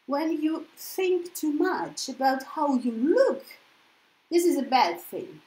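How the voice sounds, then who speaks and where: This casual English lesson comes from a Russian-born woman whose Russian accent colors a high-pitched, mellow, very animated voice at a slow pace. Chatty throughout, she often checks understanding with "yeah?", and the poor-quality recording has an echoey room sound.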